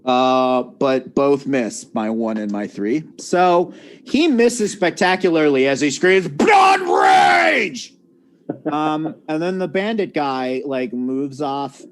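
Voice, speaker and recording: A man running a tabletop game as game master, narrating the action with a relaxed, laughing manner and frequent self-corrections. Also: medium pitch, takes it slowly, slight background noise. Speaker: dungeon master.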